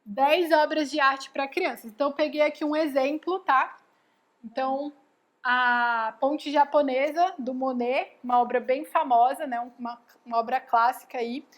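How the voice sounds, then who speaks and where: A woman's voice: high-pitched, steady tone, moderate pace. A woman giving a casual live lesson, explaining step by step and often checking in with "né?" and "tá bom?". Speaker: educator giving a live class.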